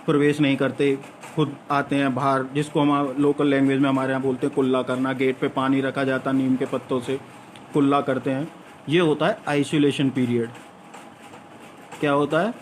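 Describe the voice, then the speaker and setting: There's a faint hiss or hum behind this medium-pitched male voice. He's a vlogger lecturing his audience in an argumentative monologue, asking rhetorical questions and hammering his points through repetition.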